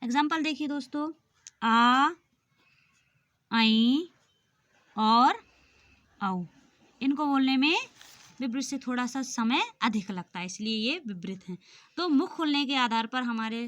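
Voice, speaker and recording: Woman teacher, high voice, bright tone, exam-prep grammar lesson, sounds out vowels aloud. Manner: explains patiently, sounds out vowels aloud for the viewer.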